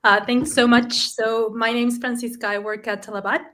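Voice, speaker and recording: A woman's voice: on the high side, level tone, normal speed, fairly bright tone, slight background noise. A woman from Chile speaking as a guest on an online design panel, earnest and reflective. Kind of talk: panel discussion.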